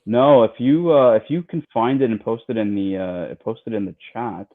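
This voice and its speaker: A man co-hosting a casual livestream, talking in a relaxed, chatty way with many fillers and repeats. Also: fairly low pitch, normal speed. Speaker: livestream co-host. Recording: tinny phone-like line.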